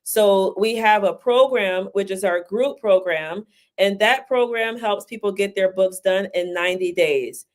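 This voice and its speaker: A woman who runs a book publishing service, giving an interview in a quick, casual way and often checking in with "right?". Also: mid-range voice. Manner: talks fast, says "right?" often. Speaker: guest, book publisher and ghostwriter.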